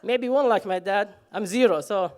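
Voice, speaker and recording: High-voiced man telling a story. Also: moderate pace, clean tone. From Somalia. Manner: humorous, self-mocking, frequent "uh" fillers. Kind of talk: live personal storytelling on stage.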